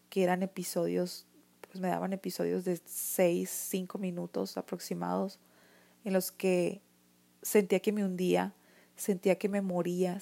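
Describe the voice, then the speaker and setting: A fairly low-pitched woman's voice with vocal fry and a dark tone tells a personal testimony to camera. The vlogger has a Mexican accent and speaks earnestly and emotionally, starting over often and saying "o sea" a lot.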